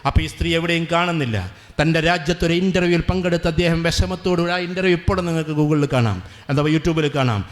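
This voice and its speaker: Man telling stories. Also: a little high. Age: 40s. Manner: slows down and stretches words for emphasis. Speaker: guest speaker at a school. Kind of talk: motivational speech with storytelling. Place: school gathering before students and teachers.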